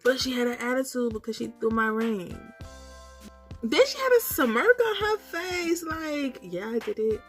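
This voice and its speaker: A woman's voice: high voice, a little slow, fairly bright tone, faint music behind. A woman casually telling a story about a dream, hazy and puzzled, circling back as she guesses at details and acting out her own reactions. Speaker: storytelling vlogger.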